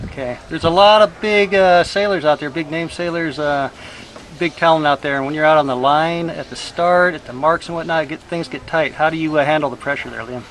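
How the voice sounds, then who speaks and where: A man asks relaxed interview questions, often halting on fillers. His voice sits somewhat high. Faint background noise is heard.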